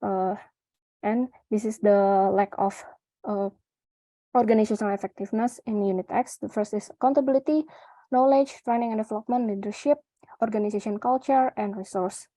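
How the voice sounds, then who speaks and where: A young Indonesian woman walks through her research slides with an Indonesian accent, halting often and restarting her sentences. Her voice is mellow and soft-edged, recorded dry and close with no room sound. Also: mid-range voice, fairly even intonation, no echo. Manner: halting, with frequent fillers and restarts. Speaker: conference presenter. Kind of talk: reading a research presentation.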